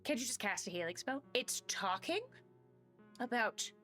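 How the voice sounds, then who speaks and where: A woman streaming a story game live, reacting playfully and excitedly, with quiet music behind. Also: on the high side, moderate pace.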